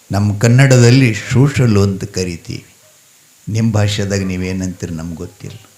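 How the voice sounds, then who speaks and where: Preacher guy, slow dramatic storytelling, acts out the voices. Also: lowish voice, a little mellow. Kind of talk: storytelling sermon.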